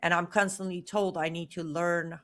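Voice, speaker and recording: She speaks at a moderate pace in a lowish, level, slightly bright voice. The woman, a native Farsi speaker, is an interview guest giving testimony about her own story, earnest and emphatic with repeated words for stress.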